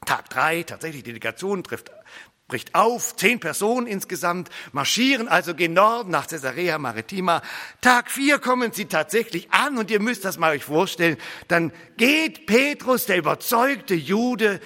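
A male preacher telling a story as a sermon in a lively way, acting out characters and speaking straight to his listeners. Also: high voice, normal speed, big-room sound. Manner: animated, acts out characters, addresses listeners directly.

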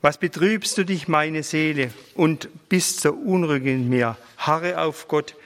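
A man's voice: on the high side, unhurried, fairly bright tone, in a large hall. A man doing a dying old pastor, fervent.

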